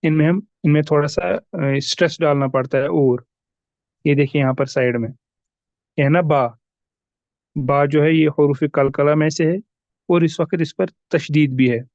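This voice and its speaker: A man's voice: fairly high pitch, steady tone, a little slow, pauses often, darkish tone, no echo, lo-fi sound. A man teaching tajweed in a recorded lesson, patiently repeating examples and asking and answering his own questions. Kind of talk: recorded lesson explaining rules.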